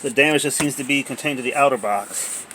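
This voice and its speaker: Shot at home on a handheld phone, this clip has an amateur unboxer chatting casually and spontaneously through his unboxing. He speaks a little fast in a medium-pitched, fairly bright voice, and the low-quality audio carries slight background noise.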